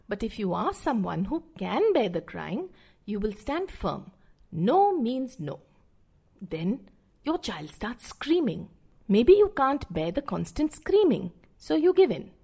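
A middle-aged woman narrating scripted parenting advice, speaking to the listener directly in a measured, explanatory way. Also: a little high, mellow, breathy edge. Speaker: parenting podcast host.

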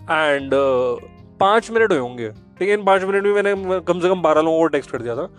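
A man's voice: on the high side, animated, normal speed, faint music behind. A young man, hosting a podcast in a casual, rambling, joking monologue that mixes Hindi and English. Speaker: podcast host.

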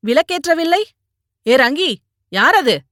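A woman voicing a distraught mother character in an audiobook, scolding in a shrill, high lament. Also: expressive, slow, fairly bright tone, dry recording, clean studio sound, heavily acted. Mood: startled.

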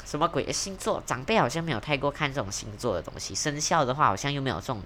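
Brief: young Malaysian Mandarin-accented woman, low, lively voice, chatty solo podcast host, faint noise behind. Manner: chatty, self-mocking, quick, mixes in English words. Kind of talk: casual solo podcast chat.

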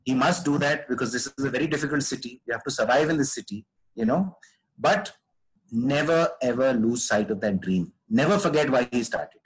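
A man's voice: mid-range voice, rough recording. A man speaking as a podcast guest, giving earnest, conversational advice and repeating phrases for emphasis.

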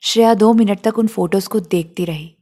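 A woman narrating a story in a gentle, emotional, reflective way. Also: medium pitch, normal speed.

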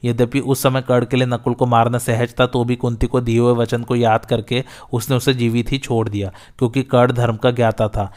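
A male narrator reading an epic battle tale in a steady, measured way. His pitch sits in a middle range and barely moves. The voice is smooth and resonant. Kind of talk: scripted epic storytelling narration.

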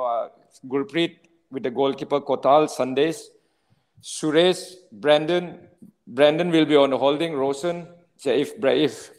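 A man's voice: on the high side, a little mellow, poor audio. A man with an Indian accent giving informal football analysis, emphatic and often repeating words and phrases. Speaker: football pundit.

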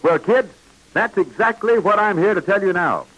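A man announcing an old 1940s radio serial, pitching to kids in a hearty way. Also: expressive, normal speed, fairly bright tone, low-quality recording.

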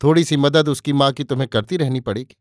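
A man reading aloud, voicing an elderly village woman who is motherly and plaintive, in a softly raised voice. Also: mid-range voice, quick pace, dry recording, studio quality, close to an everyday voice. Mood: coaxing.

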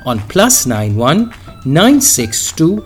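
Male host, animated scripted intro over clear music bed. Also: fairly high pitch, slow. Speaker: radio show host.

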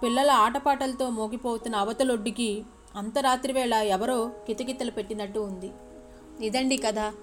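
Brief: woman podcast storyteller, fairly high voice, expressive, soft music underneath. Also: normal speed. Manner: expressive, addresses listeners politely.

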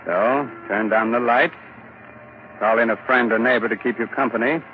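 A man's voice: medium pitch, fairly even intonation, moderate pace, close to an everyday voice. A man playing a macabre, mock-courteous horror host and narrator on old-time radio, sardonic and theatrical. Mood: ominous, storytelling. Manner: sardonic, ghoulishly teasing, theatrical. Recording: muffled, noisy vintage radio recording.

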